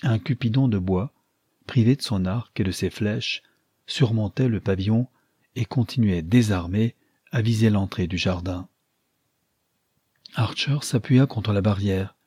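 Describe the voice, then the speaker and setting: Man reading an audiobook, low voice, husky, dry close sound, calm and measured. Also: no room sound. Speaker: narrator. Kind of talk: audiobook narration.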